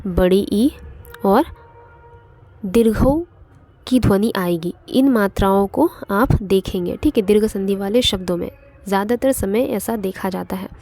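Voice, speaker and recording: A woman's voice: mid-range voice, a little slow, warm tone. A woman teaching an online exam-prep grammar lesson, explaining step by step and repeating points with frequent fillers.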